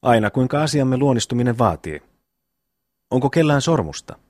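A man's voice: medium pitch, animated, darkish tone, no room sound, studio quality, natural voice. A man voicing a brash, bossy eldest peasant brother in a classic audiobook reading. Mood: blustering. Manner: bossy, quick to scold.

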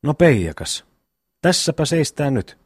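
A man's voice: a little high, sing-song, a little mellow, breathy edge, no echo, clean studio sound, voice pushed up. A man voicing a brash, bossy eldest peasant brother in a classic audiobook reading. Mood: blustering. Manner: bossy, quick to scold.

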